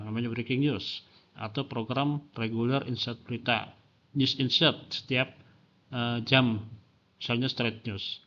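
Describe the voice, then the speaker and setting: Guy teaching a class, mid-pitched voice, muffled lo-fi audio. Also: a bit bright. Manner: explains with examples, frequent fillers and rhetorical questions. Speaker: lecturer. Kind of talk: classroom lecture.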